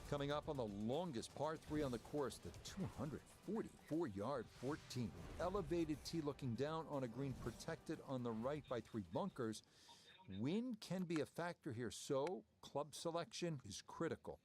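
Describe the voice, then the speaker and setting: A man giving measured play-by-play as a golf commentator in a video game broadcast style. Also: fairly high pitch, expressive, darkish tone, faint music behind, lightly acted. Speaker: golf commentator, lead announcer.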